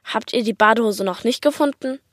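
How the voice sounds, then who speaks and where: A woman with an Austrian accent voicing a patient, practical mother who speaks calmly and firmly. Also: a little high, a little fast, no room sound, clean studio sound, lightly acted. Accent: Austrian German. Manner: calm, firm, organizing.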